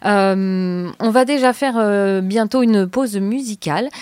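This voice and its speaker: A woman's voice: mid-range voice, slow pace, a little mellow, clean tone, no room sound. Polite woman hosting a radio interview. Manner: polite, hesitant with frequent "euh" fillers. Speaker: radio show host.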